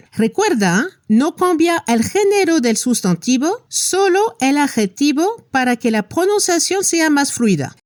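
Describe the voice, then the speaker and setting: A woman with a fairly high voice teaches a language lesson. She speaks slowly and carefully, stretching out the example words. Her pitch moves up and down a lot, and the recording is dry and close. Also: a little mellow, dry recording. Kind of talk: step-by-step lesson explanation.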